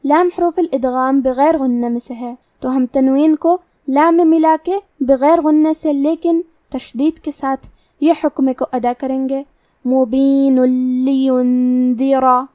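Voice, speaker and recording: A woman teaching Quran recitation rules letter by letter, reciting verses slowly and drawn out between her explanations. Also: high voice, mellow, no room sound, clean studio sound. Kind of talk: tajweed lesson with slow recitation.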